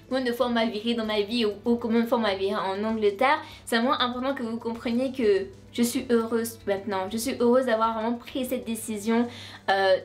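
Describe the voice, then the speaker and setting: A young woman from France telling her story to camera in a casual vlog, chatty and full of restarts and asides. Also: on the high side. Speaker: vlogger.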